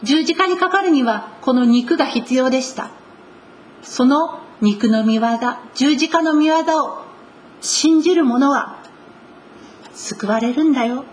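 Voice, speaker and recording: A woman delivering a sermon in an earnest preaching manner, stressing key words slowly. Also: high voice. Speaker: pastor.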